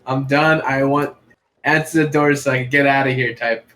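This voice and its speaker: A man's voice: mid-range voice, fairly even intonation, normal speed, a crowd in the background. A man playing in a tabletop game, making blunt, dry remarks. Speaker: player.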